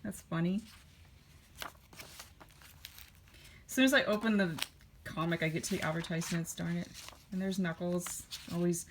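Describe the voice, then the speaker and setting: Low-voiced woman chatting offhandedly. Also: unhurried, long pauses, a little hiss or hum. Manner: rambling and offhand, with dry asides. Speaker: collector flipping through old comics. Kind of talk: casual vlog chat.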